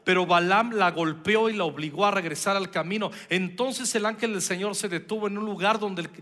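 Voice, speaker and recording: A man's voice: sits high, brisk, sharp tone. A man preaching a sermon as pastor, conversational with playful asides.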